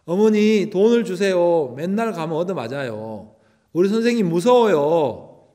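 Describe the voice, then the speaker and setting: A man's voice: high-pitched, expressive, a little slow, mellow. A man voicing a boy who pleads with his mother, insistent and whiny. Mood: pleading.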